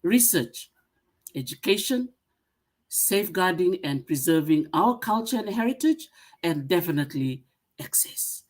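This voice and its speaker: A middle-aged woman from Fiji giving a webinar presentation, pausing often with "uh" as she lists her points. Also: fairly low pitch, very animated. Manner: many "uh" fillers, warm greetings, listing points. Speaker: museum association secretary-general speaker.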